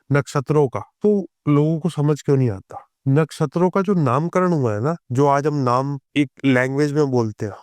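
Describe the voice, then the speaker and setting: Man, smooth resonant voice, fairly high pitch, dry close sound, explanatory podcast guest. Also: darkish tone, dry recording. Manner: reads scripture verses slowly, then explains in conversational tones. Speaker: astrologer guest.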